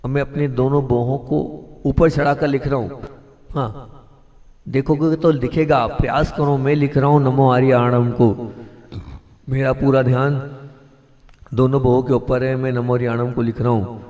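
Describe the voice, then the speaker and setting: A man, a Jain monk, guiding a mantra meditation class with slow, repetitive instructions and hushed chanting. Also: mid-range voice, steady tone, long reverb tail.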